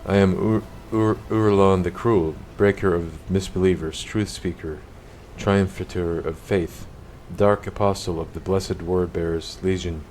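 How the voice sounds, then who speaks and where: A man reading aloud the lines of a cruel male chaos sorcerer, a boastful dark apostle, in loud, grandiose proclamations. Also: low voice, steady tone, measured pace, hardly any pauses, slight background noise, low-quality recording. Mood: menacing.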